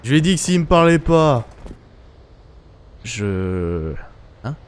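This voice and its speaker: A man's voice: on the high side, sing-song, slow, a little hiss or hum. A young man giving casual live gameplay commentary as a streamer. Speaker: game streamer. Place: indoors at a gaming setup. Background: faint game music.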